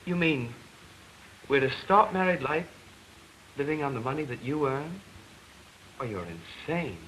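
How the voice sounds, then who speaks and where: An actor playing an earnest, affectionate young composer, newly married and anxious, in an early talkie film. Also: male voice, on the high side, lively intonation, measured pace, fairly bright tone. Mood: worried. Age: young adult. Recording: scratchy 1920s film soundtrack.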